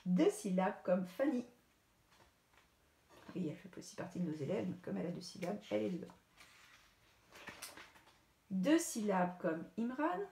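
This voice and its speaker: French woman teacher, patient repetitive lesson for small children, mellow voice in a roomy space. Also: mid-range voice, big pitch swings. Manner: slow, clear, repetitive teacher talk to children. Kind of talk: recorded lesson for young pupils. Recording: echoey room with faint noise.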